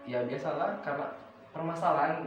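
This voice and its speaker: A man's voice: on the high side, a little fast, slight background noise. A young man, chatting casually and hesitantly with many fillers in a question game among friends. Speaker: participant reading questions. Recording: echoey room, far from mic, faint ambience.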